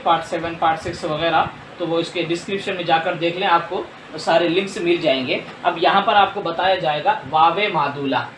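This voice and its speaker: A man teaching Urdu spelling with a high voice and an unhurried pace. He spells words out letter by letter and explains patiently. He is recorded off-mic in a roomy, echoey space with faint noise behind him. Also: fairly bright tone, recorded from a distance. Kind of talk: lesson.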